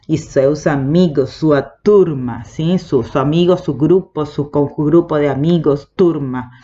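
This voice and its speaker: A woman's voice: lowish voice, a little mellow. Patient woman teaching a language. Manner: explains patiently, checks in with "¿sí?" after each point; slows down to model Portuguese phrases. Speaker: Portuguese teacher. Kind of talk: recorded video lesson. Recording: slightly muffled lo-fi audio.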